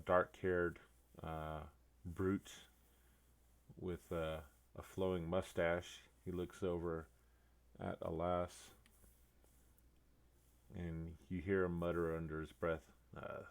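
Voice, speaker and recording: A man narrating as game master of a tabletop game, unhurried and halting with fillers. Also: low-pitched, little pitch movement, clean tone.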